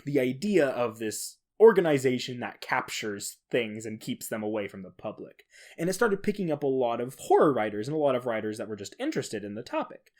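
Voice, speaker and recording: Hosting a podcast by himself, a man explains horror fiction in a casual, informal, conversational way, occasionally swearing. His voice is medium-pitched with a darkish tone.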